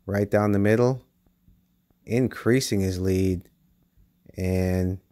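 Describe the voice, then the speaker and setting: A man with a fairly low voice calls diecast car races play by play, his voice rising at the close calls. The sound is dry and close, with little room echo. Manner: excitable play-by-play calling. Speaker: race commentator and channel host. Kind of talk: race commentary. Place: basement with toy race track.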